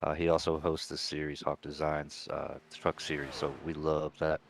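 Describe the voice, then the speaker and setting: A man's voice: very deep voice, little pitch movement, normal speed, creaky, slight background noise. A man in his forties, a sim racing driver, giving a rambling, heartfelt post-race interview full of thanks. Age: 40s.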